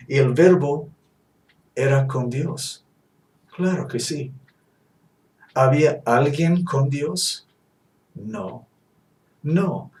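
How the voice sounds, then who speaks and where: Male preacher, insistent and repetitive, unhurried, recorded at a distance. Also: medium pitch, a little mellow. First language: English. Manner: emphatic and insistent, repeats key points. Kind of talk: Bible teaching sermon. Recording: roomy echo, mic at a distance.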